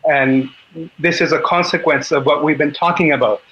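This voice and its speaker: Chilean man, 50s, Spanish-accented English, tense bright tone, halting earnest guest on a dull call line. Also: on the high side, steady tone. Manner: halting, clears his throat often. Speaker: guest speaker on a group call.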